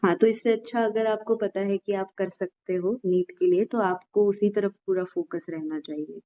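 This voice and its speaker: A woman's voice: medium pitch, fairly even intonation, normal speed, mellow. A woman hosting a podcast, asking questions and encouraging the guest with frequent agreeing murmurs. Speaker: podcast host. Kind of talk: casual interview questions. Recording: dull, lo-fi audio.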